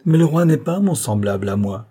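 A man doing a fiery rough countryman revolutionary. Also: medium pitch, normal speed, mellow. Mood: vehement. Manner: heated, insistent, hammering rhetorical questions. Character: blunt revolutionary countryman, vehement and proud.

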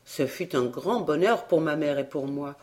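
A volunteer audiobook reader narrating a memoir-style story in a measured, steady way. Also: mid-range voice.

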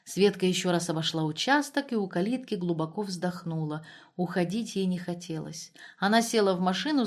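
A woman reading a story aloud. Her narration is calm and even, told at a steady storyteller's pace. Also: mid-range voice.

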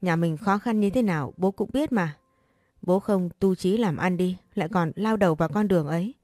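A woman's voice: lowish voice, normal speed, a little mellow, no room sound, clean studio sound, close to an everyday voice. A woman voicing an exasperated young married daughter who sharply scolds her father.

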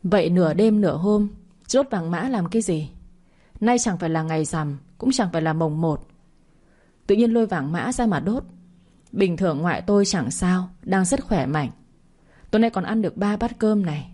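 A woman voicing an angry young sister-in-law who makes fast, tearful accusations, in an audio story. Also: on the low side, animated, mellow. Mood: accusing.

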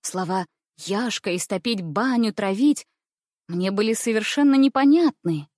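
A woman narrating a children's story in an even, measured reading voice. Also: mid-range voice, dry recording, studio quality.

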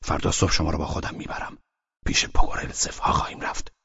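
A man's voice: pushed and bright, no room sound, dull audio, close to an everyday voice. A man voicing a stern, commanding middle-aged man who gives curt orders. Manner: curt and bossy.

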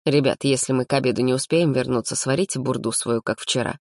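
A woman's voice: rumbling low, fast talker, a little mellow, dry recording. A woman voicing a bossy, teasing young man who runs the camp, lecturing in a dry tone.

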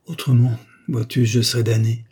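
A man reading the part of a dying old woman who speaks in halting, breathless pleas that drop to whispers. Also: medium pitch, flat delivery, mellow, slightly rough, close to an everyday voice. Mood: pleading.

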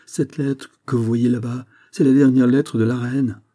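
A man reading aloud, voicing an anxious old gentleman tutor in agitated, raised tones. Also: fairly low pitch, normal speed, lightly acted. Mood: alarmed.

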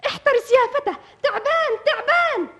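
A woman acting a spirited young village woman in an old Egyptian radio drama, with an Egyptian Arabic accent and an expressive delivery. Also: high-pitched, a little fast, husky. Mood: panicked. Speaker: Maysoun, heroine.

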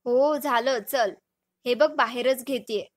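A woman voicing a lively young wife in a storybook reading, chiding and a little bossy. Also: fairly high pitch, slow. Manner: scolding, bright.

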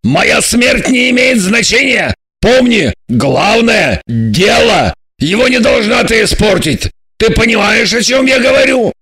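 A woman voicing a gruff, bossy captive man who shouts orders down a phone line. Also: on the low side, moderate pace, no room sound, exaggerated voice. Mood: barking. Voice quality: gravelly, shouting. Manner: barks orders, curses.

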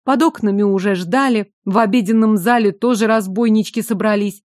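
A woman's voice: medium pitch, fairly quick, darkish tone, dry recording, studio quality. Woman reading a wry fantasy audiobook. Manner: wry, sardonic inner voice. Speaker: audiobook narrator. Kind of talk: first-person fantasy audiobook narration.

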